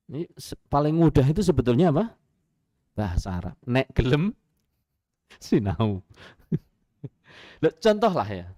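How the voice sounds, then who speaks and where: Male preacher, javanese accent, animated swooping pitch, dry close mic. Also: no echo. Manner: animated, lively storytelling with rhetorical questions and chuckles. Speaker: Islamic preacher. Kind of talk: radio sermon lecture.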